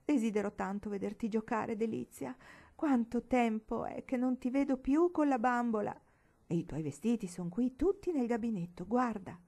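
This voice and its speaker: A woman's voice: on the high side, moderate pace, creaky, warm tone. A woman reading an audiobook, voicing an unhinged, grieving older noblewoman who pleads with feverish tenderness. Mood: eager.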